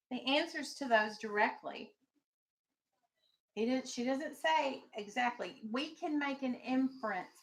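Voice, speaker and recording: In a low-quality recording, a woman with a high-sitting, fairly bright voice teaches an elementary reading lesson. She reads aloud, quizzes the class, and directs her pupils firmly in an instructional manner.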